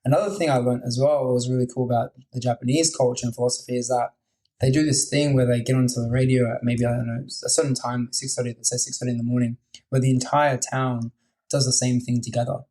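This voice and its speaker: Podcast host guy, mellow dark voice, excited, says like a lot. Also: medium pitch, quick pace, low-quality recording. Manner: enthusiastic, many fillers like "like". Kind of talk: casual podcast conversation.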